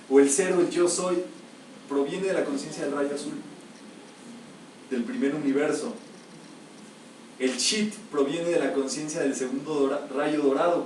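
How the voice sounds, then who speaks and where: Addressing listeners in an echoey room, a man teaches a spiritual lecture with emphasis, peppering the group with rhetorical questions. The metaphysics teacher's voice is on the high side with a darkish tone, captured by a faraway mic with faint hiss.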